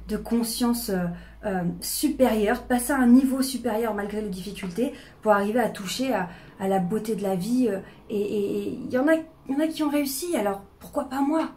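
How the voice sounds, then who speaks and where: A woman's voice: mid-range voice, darkish tone. A woman in her thirties speaking candidly to camera, with fillers and restarts, about her own life. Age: 30s. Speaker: personal development YouTuber. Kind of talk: casual talk to camera.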